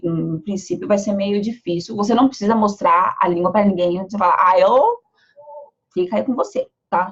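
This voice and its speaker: A Brazilian woman teaching English pronunciation, repeating example phrases slowly and explaining step by step. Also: mid-range voice, husky, muffled recording. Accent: Brazilian Portuguese. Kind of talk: pronunciation lesson.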